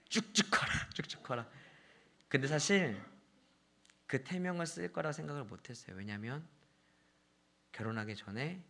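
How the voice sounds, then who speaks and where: Bright-voiced man preaching a story sermon. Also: mid-range voice. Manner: swings from hushed near-whispers to loud excited exclaiming; addresses the congregation directly with questions.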